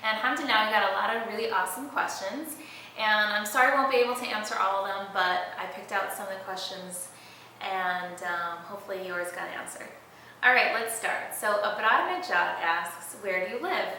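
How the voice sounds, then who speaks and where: A woman's voice: medium pitch, brisk, bright, forceful tone, slight background noise. A young woman from Detroit, founder of a hijab fashion brand, answering viewer questions in an earnest, conversational way with plenty of fillers. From Detroit, Michigan, United States. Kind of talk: casual chat, Q&A. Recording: very echoey room, from a distance.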